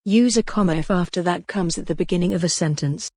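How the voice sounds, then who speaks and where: A woman teaching English grammar, reading example sentences slowly and clearly in a scripted lesson. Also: fairly low pitch, mellow, no echo, clean studio sound. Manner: slow, clear, deliberate reading.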